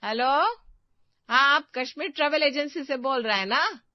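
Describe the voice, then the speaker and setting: A woman voicing a bossy, scheming middle-aged mother-in-law who talks loudly and commands. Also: medium pitch, moderate pace, no echo, highs cut off, lightly acted. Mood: loud phone act. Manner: loud, commanding, scolding.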